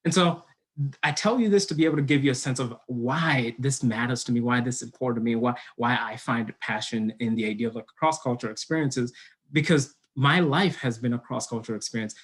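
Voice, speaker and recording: A man's voice: mid-range voice, a little fast, slightly rough. A young man from Kenya, a college admissions counselor, giving an earnest online presentation with many fillers and restarts.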